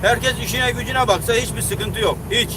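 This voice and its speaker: A man's voice: very high voice, normal speed. A man in his thirties, a long-haul truck driver, telling an angry story in a casual vlog, heated and indignant, acting out both sides of a quarrel. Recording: noisy roadside traffic. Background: vehicles and outdoor traffic.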